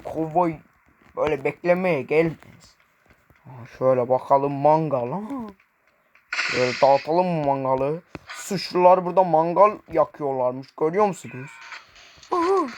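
A man's voice: fairly high pitch, darkish tone, a little hiss or hum. A young man commenting on his own gameplay, brashly taunting enemies and talking to viewers.

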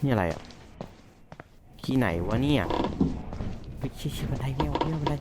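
A man gives casual horror game commentary, muttering to himself and cursing at every scare. His voice sits at an ordinary middle pitch. A steady noise hums behind him in a home recording. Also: fairly quick. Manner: jumpy, talks to himself and swears when startled. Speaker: let's-play gamer.

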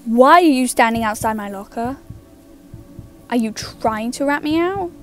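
A woman giving casual gameplay commentary, mostly hushed and nervous, bursting loud when excited. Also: a little high, unhurried, faint music behind. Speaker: gaming YouTuber.

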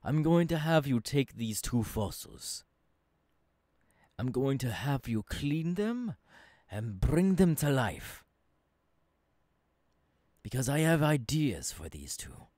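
A man playing an earnest visionary professor mentoring an apprentice in an ASMR roleplay, halting and breathy, close to the microphone. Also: medium pitch, big pitch swings, a little mellow, dry recording. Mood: eager, instructing. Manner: slow, deliberate, halting phrases dropping into whispers. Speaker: voice actor. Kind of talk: ASMR audio roleplay, intimate second-person monologue. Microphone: close microphone, dry.

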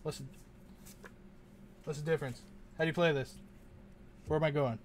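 A channel host opens card packs in a casual unboxing video, rambling, muttering to himself and often unsure how to say things. His voice is a little high, steady and moderately paced, with a little hiss or hum.

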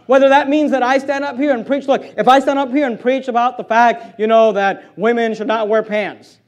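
A man preaching a sermon as pastor in a church. He reads scripture slowly and with weight, and his delivery swings between quiet asides and loud, forceful emphasis. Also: extremely high pitch, steady tone, muffled recording.

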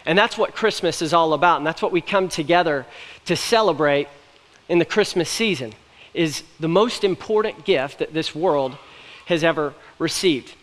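On a church stage in front of a large hall, a young male pastor preaches in an earnest, conversational way with light jokes. His voice is on the high side and fairly bright, at a normal speed, and the church room adds a long hall reverb.

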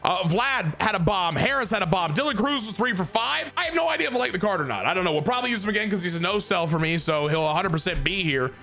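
A young man giving excited commentary over his own baseball video game, muttering one moment and shouting the next. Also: high voice, fast, hardly any pauses. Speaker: gaming YouTuber. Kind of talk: live gameplay commentary.

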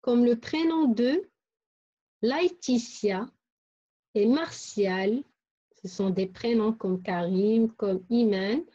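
A woman's voice: a little high, slow, dark tone, muffled recording. A woman teacher giving a phonics lesson, carefully saying and repeating words and syllables for young pupils. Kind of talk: slow, deliberate phonics lesson.

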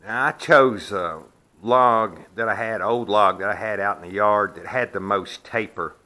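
A man's voice: on the low side, measured pace, sharp tone. A man demonstrating his sawmill in a metal shed, explaining in a plainspoken, folksy way, sometimes walking away from the camera. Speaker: sawmill owner. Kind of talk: hands-on demonstration.

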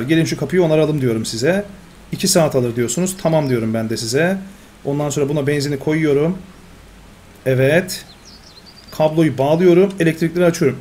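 Excitable man narrating gameplay. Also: on the high side, a little hiss or hum. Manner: talks to himself, excitable, exasperated. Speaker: gamer. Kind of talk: Let's Play commentary.

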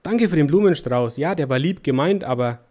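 Storybook role: a man reading a kind fatherly king, calm, tender, reassuring. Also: fairly high pitch, a little fast, close to an everyday voice. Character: gentle loving fatherly king.

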